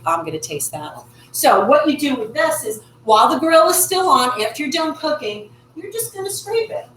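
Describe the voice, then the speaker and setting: A woman's voice: on the high side, a bit bright, a little hiss or hum. A woman hosting a casual live-stream, demonstrating grill products in chatty, upbeat sales talk. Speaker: host demonstrating promotional products. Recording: echoey room.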